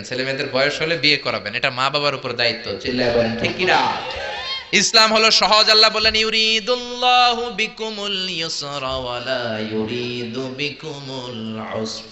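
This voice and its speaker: A man preaching a fiery sermon, calling on the crowd to answer aloud and swinging from shouts to low asides. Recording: echoey, muffled hall recording.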